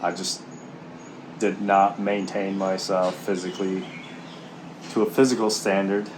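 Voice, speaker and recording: A man talking candidly and haltingly in a casual, reflective vlog while out walking. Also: deep voice, flat delivery, background noise. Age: middle-aged. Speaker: vlogger, military serviceman and former Marine. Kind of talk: casual walk-and-talk vlog.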